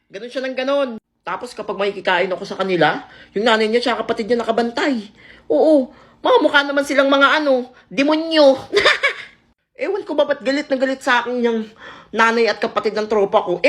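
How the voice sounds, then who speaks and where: A woman narrating a comic storytime in the first person, playful and chatty with frequent laughs. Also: a little high.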